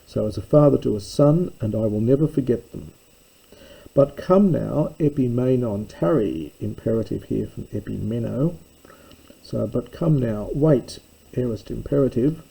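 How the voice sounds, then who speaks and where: A man reading an ancient Greek text aloud and translating it line by line, in a careful, halting way with many pauses and fillers. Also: medium pitch, creaky, dark tone, slightly rough, rough recording. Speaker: classics teacher.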